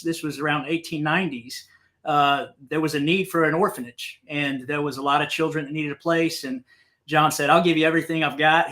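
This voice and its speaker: A man from South Carolina with a light Southern accent tells a story earnestly as a webinar guest. His voice is bright and forceful and sits fairly high for a man, and he sometimes restarts a phrase mid-thought. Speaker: guest, nonprofit executive. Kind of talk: conversational storytelling.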